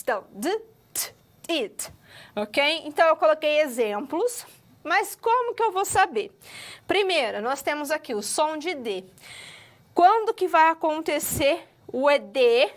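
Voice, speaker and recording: A woman teacher giving a recorded lecture, explaining patiently, stretching words and often checking understanding. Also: high-pitched. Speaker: English teacher.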